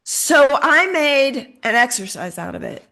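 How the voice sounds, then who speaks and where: Middle-aged woman telling a lively personal story. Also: high voice, measured pace, creaky. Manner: animated storyteller, acts out quoted dialogue. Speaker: interview guest. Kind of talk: storytelling in a conversational interview.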